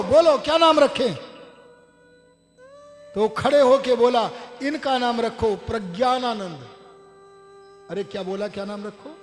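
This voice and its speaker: A man's voice: extremely high pitch, big-room sound. A male preacher telling a story in a sermon, acting out the dialogue and putting questions to his audience. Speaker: Arya Samaj preacher. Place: large hall at a ceremony.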